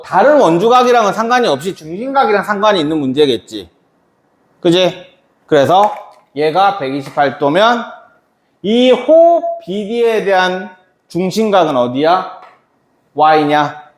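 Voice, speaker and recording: A man teaching a math lesson to a class, chatty and quizzing students by name. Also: high-pitched. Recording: echoey classroom.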